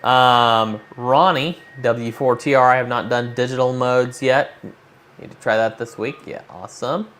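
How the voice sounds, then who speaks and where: The speaker, an amateur radio operator, guides livestream viewers through a demo, chatting informally and thinking out loud. He speaks at a measured pace in a medium-pitched, somewhat bright voice. The recording picks up noticeable background noise.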